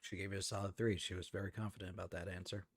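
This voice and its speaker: A man's voice: low-pitched, little pitch movement, very fast, slightly rough. A man hosting a casual watch-party chat, easygoing, leading the talk and asking others for their ratings. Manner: easygoing, leads the discussion and asks for ratings. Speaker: host.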